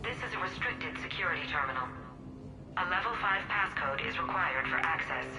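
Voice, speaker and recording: A stern security terminal machine voiced by a man speaks in a high, clipped voice. It gives curt, repeated warnings in a video game. Music plays loudly behind it. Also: animated, a little fast, natural voice, poor audio.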